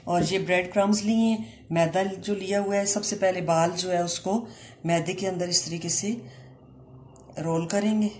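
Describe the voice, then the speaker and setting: A woman walks through a home recipe in a calm, step-by-step way, pausing briefly between ingredients. Her voice sits fairly low for a woman. The room is echoey, with a faint hum of ambient noise behind her. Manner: calm, step-by-step explaining with Urdu-flavoured words and short pauses. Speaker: cooking channel host. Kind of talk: home cooking demonstration.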